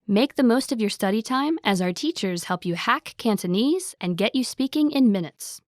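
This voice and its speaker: A woman's voice: fairly high pitch, lively intonation, normal speed, no echo, studio quality. A woman reading a scripted promotional ad in an upbeat, salesy way. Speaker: ad announcer.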